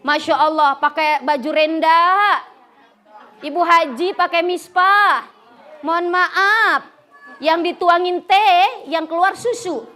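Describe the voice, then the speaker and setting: A middle-aged woman preacher from West Java giving a humorous religious lecture, telling stories lively and laughing often. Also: extremely high pitch, takes it slowly, a faint crowd. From West Java, Indonesia. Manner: lively storytelling, acting out characters, frequent laughter. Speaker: female Islamic preacher.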